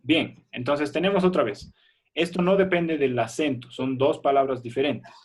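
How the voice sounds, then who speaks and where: A man's voice: fairly high pitch, moderate pace, husky. Patient male teacher on a video call. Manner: patient, checks understanding with "¿ya?". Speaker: primary school teacher. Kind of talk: online class explanation.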